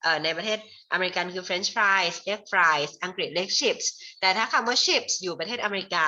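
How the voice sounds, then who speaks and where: A Thai-accented woman teaches English to children in an online lesson, switching between Thai and slow, carefully spelled English and addressing viewers as "child." Her mid-range voice is pushed and bright, and the highs are cut off.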